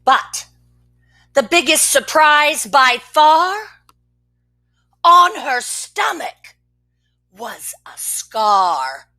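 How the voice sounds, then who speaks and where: Slow, animated woman reading to children. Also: sits high, soft background music. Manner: expressive, with soft whispered asides. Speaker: children's story reader. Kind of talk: reading a picture book aloud.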